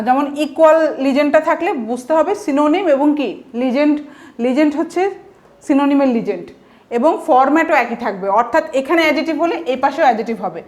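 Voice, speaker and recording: A woman with a Bangladeshi Bengali accent teaching an online vocabulary lesson, explaining step by step and posing frequent rhetorical questions. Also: sits high. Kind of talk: online exam-prep lecture.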